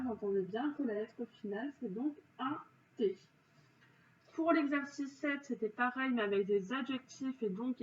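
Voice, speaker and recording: A woman teacher going through spelling exercises, explaining each answer slowly and patiently with frequent pauses and fillers. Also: fairly high pitch, darkish tone. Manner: slow, careful, patient explanations with frequent "donc" and "euh". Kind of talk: correcting spelling exercises for pupils. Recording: dull, roomy, distant, faint hiss.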